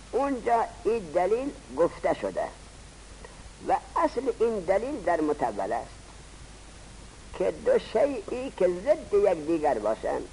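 A man teaching a grammar lesson, posing rhetorical questions and answering them himself in a slow, drawn-out teaching cadence. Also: high voice, vocal fry, mellow, a little hiss or hum, low-quality recording. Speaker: seminary teacher. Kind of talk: classroom lecture on Arabic grammar.

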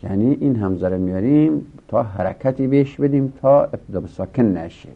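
A man's voice: mid-range voice, lively intonation, creaky, slightly rough. A man teaching Arabic grammar in a lecture, explaining each rule step by step and answering his own questions. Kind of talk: classroom lecture. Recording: dull lo-fi recording.

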